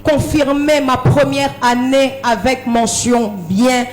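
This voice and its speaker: A young woman from Congo, a minister, giving her testimony in church in short phrases that she pauses after for an interpreter, sometimes shouting. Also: sits high, fairly even intonation, slight background noise. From Democratic Republic of the Congo. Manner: speaks in short phrases, pausing for translation, at times shouting.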